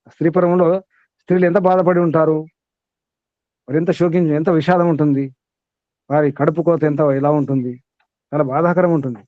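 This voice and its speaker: A man's voice: fairly high pitch, steady tone, normal speed, pauses often, no echo. Emphatic male teacher, dull recording. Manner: asks many rhetorical questions, emphatic. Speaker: spiritual teacher. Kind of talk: discourse with questions to students.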